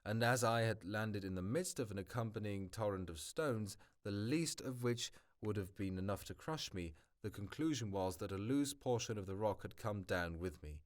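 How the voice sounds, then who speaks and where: With a lowish voice at normal speed and few pauses, a man reads a novel aloud as a hobby audiobook reader. It's amateur work: he frequently stumbles, restarts, and fixes words, and he remarks on what he's reading.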